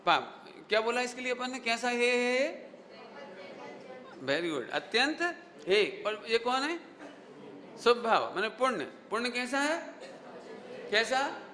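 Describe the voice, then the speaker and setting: High, bright-voiced man preaching in an echoey hall. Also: sing-song, takes it slowly, long pauses. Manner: drills the audience with repeated rhetorical questions. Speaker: Jain scholar giving a lecture. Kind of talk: sermon with questions to the audience. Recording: echoey hall with faint noise.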